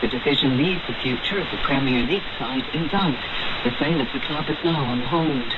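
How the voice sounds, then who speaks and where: Low-voiced newsreader woman over AM radio. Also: fairly quick. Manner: crisp, even, formal reading. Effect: heard over an AM shortwave radio receiver. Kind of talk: scripted news bulletin. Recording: hissy, muffled shortwave radio reception.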